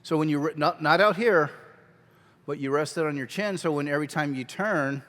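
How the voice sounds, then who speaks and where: In a large church hall with long reverb, a fairly high-voiced man leads a children's ministry workshop at a conference. Holding a handheld microphone, he talks energetically and conversationally, tossing in quick asides.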